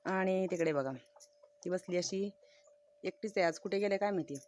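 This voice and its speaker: A woman's voice: mid-range voice, moderate pace, a little mellow. A woman vlogging casually outdoors on a farm, chatting homely and directly to her viewers. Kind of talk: casual farm vlog narration.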